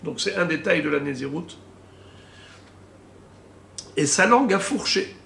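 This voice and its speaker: A man's voice: on the high side, animated, creaky, pushed and bright. Man teaching Talmud in an echoey room. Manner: explains slowly, reads Hebrew and Aramaic terms and translates. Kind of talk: Talmud study lesson. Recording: echoey room with faint ambient noise.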